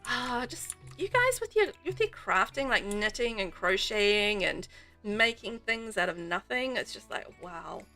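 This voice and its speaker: A woman's voice: mid-range voice, big pitch swings, measured pace, sharp tone, faint music behind. A woman from New Zealand with a New Zealand accent, streaming a game and chatting casually with viewers in a rambling way. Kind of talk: casual chat while playing.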